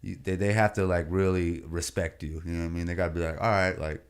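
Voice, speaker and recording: Man, podcast guest, comedian, deep voice, slangy laid-back storytelling. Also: steady tone, quick pace, a little mellow, clean tone. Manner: laid-back and slangy, fills talk with "you know what I mean" and "bro". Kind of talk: casual storytelling chat.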